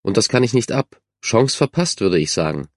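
A man's voice: lowish voice, expressive, moderate pace, dry recording, studio quality, close to an everyday voice. A man reading a confident, kind young girl. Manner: self-assured, friendly.

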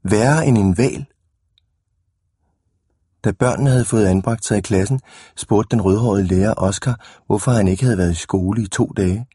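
Husky low-voiced man reading a storybook. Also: warm tone, no echo, studio quality. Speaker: narrator.

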